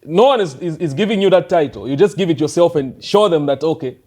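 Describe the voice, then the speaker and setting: Brief: young Zambian man, slightly high mellow voice, relaxed interview guest. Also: fast. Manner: relaxed, mixes English and local language, many fillers. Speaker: rapper guest. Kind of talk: casual interview chat.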